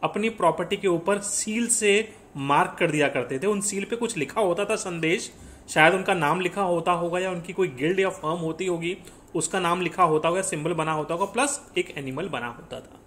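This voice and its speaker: A man's voice: high voice, normal speed, fairly bright tone, a little hiss or hum. A man teaching an exam-prep lesson, explaining step by step and asking questions that he answers himself, often mixing in English phrases. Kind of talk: classroom lecture with quiz questions.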